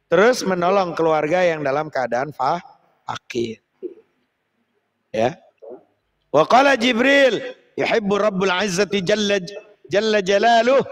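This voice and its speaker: A man preaching a lively sermon, acting out prayers and chanting Arabic phrases slowly. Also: fairly high pitch. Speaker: Islamic preacher.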